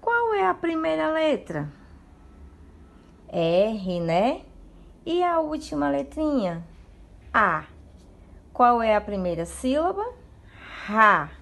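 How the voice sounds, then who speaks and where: A Brazilian woman teaching small children by video, her raised voice swinging widely up and down. She stretches each syllable out slowly and fondly. The room rings with echo. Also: high voice, big pitch swings, creaky. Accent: Brazilian Portuguese. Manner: affectionate, talks to children and spells syllables slowly. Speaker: primary school teacher. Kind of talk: video lesson for young children. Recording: echoey room recording.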